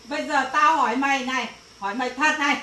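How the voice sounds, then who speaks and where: Fast and steady-toned, a woman's high voice scolds her daughter in the part of an angry rural mother in a family drama, sometimes bursting into shouts. Echo, distance and faint noise color the recording.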